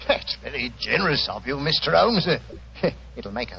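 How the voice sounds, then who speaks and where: A man's voice: mid-range voice, sing-song, measured pace, creaky. A man acting a deferential, hearty police inspector in a 1940s radio drama. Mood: pleased, deferential. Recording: noisy, muffled 1940s radio broadcast.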